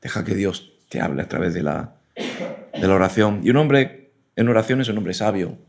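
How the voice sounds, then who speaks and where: A man's voice: fairly low pitch, lively intonation, normal speed, creaky, a little mellow, slight background noise. A man preaching an earnest sermon, punctuated with frequent amens and restarts. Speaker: preacher and teacher.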